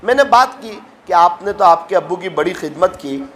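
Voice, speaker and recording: A man gives a sermon in a fairly high voice, telling moral stories and raising his pitch when he acts out the people in them. A faint hiss of noise sits under the recording. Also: lively intonation, a bit bright. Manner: emotional, acts out quoted voices with rising pitch. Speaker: preacher. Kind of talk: sermon with storytelling.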